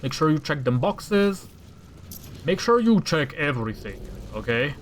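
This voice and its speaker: With a little hiss or hum in the background, a Romanian gaming host speaks in a somewhat high, sing-song voice, a bit slowly. Romanian is his first language; he comments casually on gameplay while showing a mod, thinking aloud and launching into exasperated rants.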